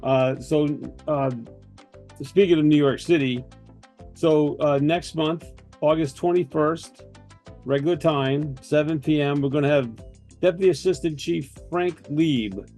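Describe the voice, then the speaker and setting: Man, warm mellow tone, rambling host chatter, faint music behind. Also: fairly high pitch, measured pace. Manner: loose, rambling, many fillers. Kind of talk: casual online webinar hosting.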